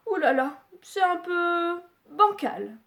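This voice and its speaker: A woman's voice: extremely high pitch, lively intonation, takes it slowly, vocal fry, a bit bright, pitched above the performer's own voice, exaggerated voice. A woman reading aloud who voices a cheeky little girl in a storybook, squealing and exclaiming. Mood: fussy.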